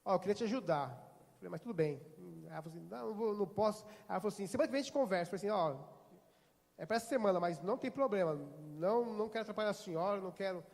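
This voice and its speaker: A man's voice: high-pitched, animated, very fast, vocal fry, darkish tone. Brazilian male pastor, middle-aged, acts out dialogue in his sermon, long church reverb. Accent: Brazilian Portuguese. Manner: storytelling, acting out dialogue. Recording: hall reverb.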